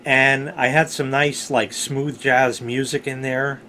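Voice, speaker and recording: A man's voice: medium pitch, level tone, slow pace, sharp tone. Middle-aged man rambling over faint background noise. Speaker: storyteller, vlog host. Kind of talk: casual rambling storytelling.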